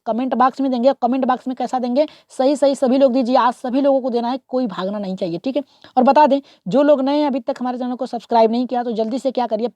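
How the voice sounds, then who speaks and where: A woman's voice: fairly high pitch, a little mellow, no echo. A woman teaching an online exam-prep lesson, working through multiple-choice questions. She keeps asking rhetorical questions, repeats "okay" often and urges viewers to comment and subscribe.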